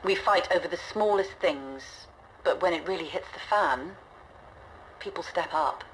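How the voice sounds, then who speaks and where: Over a faint noisy ambience, a low-voiced actress plays the determined, tired commander of a stranded starship in a sci-fi game's scripted audio log. The performance is only lightly acted, yet measured, grave and reflective, with a solemn mood throughout.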